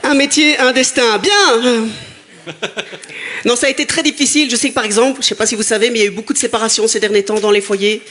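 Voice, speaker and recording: A young man from Brussels doing stand-up comedy, joking with the crowd and mocking himself, in a high, soft voice that wavers. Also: steady tone, racing, hardly any pauses. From Brussels, Belgium. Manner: joking banter with the audience, self-mocking. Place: theater stage before a live audience. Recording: live stage recording with loud crowd. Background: loud audience laughter and cheering.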